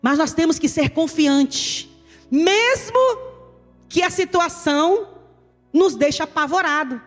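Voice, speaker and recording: High-voiced Brazilian woman pastor preaching. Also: expressive, slow pace. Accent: Brazilian Portuguese. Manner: emphatic, addresses listeners as "querido". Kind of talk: sermon. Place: church hall. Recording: reverberant church hall with soft music.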